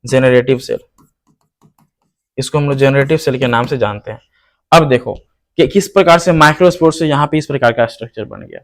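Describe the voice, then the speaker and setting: A man's voice: mid-range voice, a little fast, long pauses. A man teaching a biology lesson online, who asks his students questions and then answers them himself, repeating the key terms. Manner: calls the viewer "hero". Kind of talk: online lecture.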